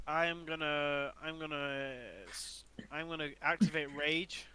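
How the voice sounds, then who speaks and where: A man's voice: a little high, level tone, a little slow, pushed and bright, clean tone. A young man playing a tabletop game, joking and trash-talking in slangy banter. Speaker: player.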